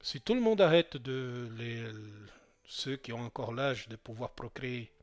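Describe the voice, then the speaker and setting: Male spiritual speaker, mid pitch, hesitant off-the-cuff monologue full of restarts. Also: lively intonation, unhurried. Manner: hesitant, many restarts and fillers, lists at length.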